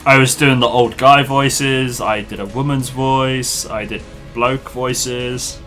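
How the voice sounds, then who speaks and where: A man's voice: mid-range voice, fairly even intonation, slow pace, fairly bright tone, soft background music. A man live-streaming a game, chatting casually and informally with his viewers in a matey way. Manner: matey, informal address to the group. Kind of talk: casual live gaming commentary, chat with viewers.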